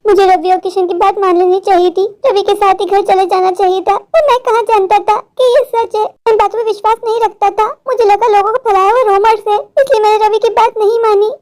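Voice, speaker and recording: Woman voicing a scared high-voiced office man. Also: steady tone, brisk, few pauses, a little mellow. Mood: frightened. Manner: anxious, pleading, irritable toward his wife. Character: frightened adult male office worker, tired husband.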